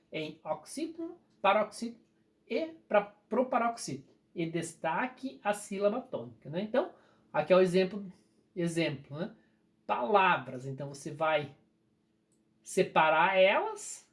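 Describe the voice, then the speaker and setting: Speaking at a medium pitch, a teacher with a Brazilian Portuguese accent patiently explains a recorded grammar lesson, drawing the key words out slowly.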